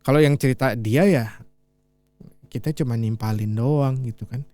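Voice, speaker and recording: Relaxed, mellow-voiced male teacher. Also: mid-range voice, no room sound. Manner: repeats English lines slowly, then explains in relaxed chatty speech. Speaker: English teacher. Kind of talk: casual language lesson.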